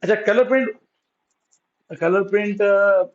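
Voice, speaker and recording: In a dull, lo-fi classroom recording, a male science teacher with a fairly high voice takes his time explaining physics. He repeatedly asks questions and answers them himself, coaxing the class along.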